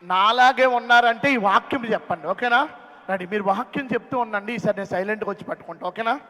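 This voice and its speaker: A man with a strikingly high voice runs a playful skit for children, calling questions out to the crowd of kids. His voice carries a long hall reverb, as if he were in a big camp meeting room. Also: fast, pushed and bright. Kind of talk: playful skit with a young audience.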